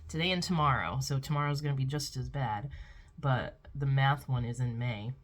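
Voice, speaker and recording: A middle-aged woman with a bass voice vlogs casually from home, talking into her phone camera at a moderate pace. Out of breath, she rambles through her day with lots of filler words.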